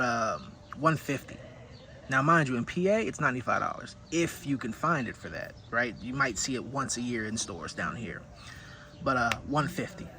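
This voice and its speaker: A man's voice: mid-range voice, sharp tone. A man hosting a whiskey review in casual solo commentary, conversational and opinionated as he thinks aloud. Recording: clearly noisy background.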